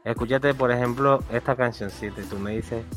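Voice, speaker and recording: A man's voice: mid-range voice, steady tone, a little fast. A man with a Colombian Caribbean accent talking casually on a music podcast, emphatic and slangy, often repeating himself for emphasis. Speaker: podcast co-host or guest commentator.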